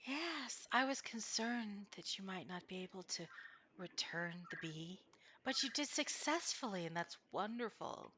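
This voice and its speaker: A woman voicing a gentle, wise unicorn in a soft, breathy near-whisper for a tabletop fantasy game. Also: medium pitch, expressive, measured pace, a little hiss or hum. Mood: gentle, approving. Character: gentle, wise unicorn speaking telepathically in the mind. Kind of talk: tabletop fantasy role-play.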